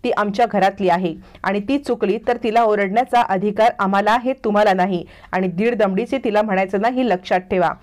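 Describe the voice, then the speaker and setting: A woman's voice: medium pitch, fairly quick, hardly any pauses, a little mellow, close to an everyday voice. A woman voicing an angry young man from a television serial, speaking sternly and scolding.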